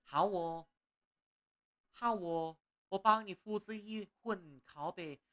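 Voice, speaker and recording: A man's voice: sits high, slow, pushed and bright, voice pushed up, full character voice. A man voicing a cheery male fish shopkeeper in a video game, eager to please, who talks in a sing-song way and stretches the ends of his sentences.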